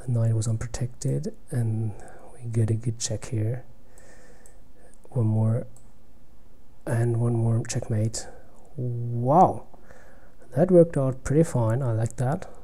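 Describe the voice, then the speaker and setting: This soft-spoken man, a native German speaker, commentates live on his own online blitz chess game in a medium-pitched, slightly rough voice. He thinks out loud hesitantly, his voice dropping close to a whisper while he calculates.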